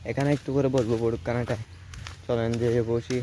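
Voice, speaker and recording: A young man chatting casually to his viewers as he walks through a rainy village, recorded on a handheld phone, often checking that the viewer follows and dropping to a hush when people pass. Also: mid-range voice, flat delivery, fairly quick, low-quality recording. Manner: chatty, keeps asking the viewer "understand?". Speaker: vlogger. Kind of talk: casual handheld vlog narration. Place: outdoors in a rainy rural village. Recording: outdoor phone audio with clear ambient noise.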